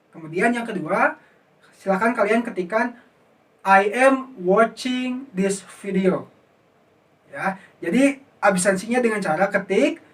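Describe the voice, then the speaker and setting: Indonesian man, English teacher, high voice, slow patient drills, distant mic. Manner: slow, patient explaining with repeat-after-me drills. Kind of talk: online class lesson.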